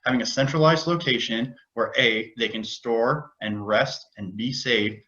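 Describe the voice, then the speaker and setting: A man giving a candidate statement for city council over a video call, earnest and slightly halting. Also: mid-range voice, bright, forceful tone, lo-fi sound.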